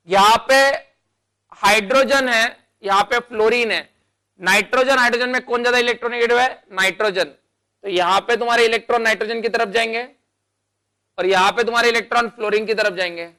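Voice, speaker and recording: In a classroom chemistry lecture, a man with a very high-pitched, pushed and bright voice explains things step by step, using terminology and answering his own questions as he goes. He addresses students as beta and bhai.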